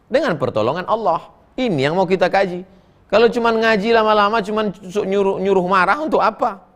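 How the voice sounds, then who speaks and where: Man, middle-aged, preacher, sermon answering questions, animated, folksy humor, fairly high-pitched. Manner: lively, pitch swinging high and low, acts out quotes; folksy and joking. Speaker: Islamic preacher.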